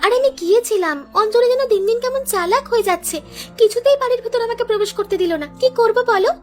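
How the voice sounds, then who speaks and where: A very high female voice, with faint music underneath, dubs a cartoon character, a crafty, bossy village woman hatching plans and hustling her partner. The tone is scheming, the pace quick, the manner conniving and domineering.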